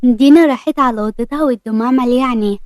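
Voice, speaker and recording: A woman storyteller with an Egyptian accent, narrating a romance story in a brisk, plain reading. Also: fairly high pitch, a little mellow, no echo. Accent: Egyptian Arabic.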